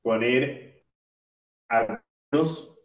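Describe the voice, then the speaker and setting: A man, a priest, reading the day's gospel and preaching a homily in a slow, measured way. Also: medium pitch. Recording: roomy, distant, dull lo-fi sound.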